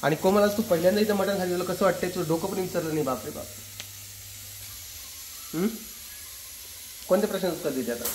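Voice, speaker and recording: A man's voice: high voice, quick pace, long pauses, darkish tone, slight background noise. A man in his thirties from Pune, chatting casually to viewers and family as a family vlogger. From Pune, India. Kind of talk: casual vlog chat.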